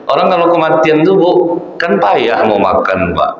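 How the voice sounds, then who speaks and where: A man preaching a sermon in an animated way, often turning to his listeners as sir and ma'am. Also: fairly high pitch, normal speed. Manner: animated, addresses the audience as Pak and Bu. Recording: echoey, dull hall recording.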